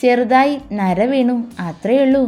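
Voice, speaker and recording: A tender, pleading middle-aged wife speaks with a raised, emotional voice, as a woman narrator puts her on. Her tone sits high and soft, with faint music in the background. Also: a little slow.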